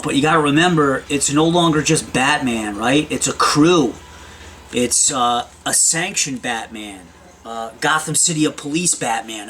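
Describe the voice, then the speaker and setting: A man's voice: fairly high pitch, fairly bright tone, slight background noise. A man casually reviewing his weekly comic books on a video blog, rambling and chatty, dropping into muttered self-mocking asides, recorded on a built-in camera microphone indoors. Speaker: comic book vlogger.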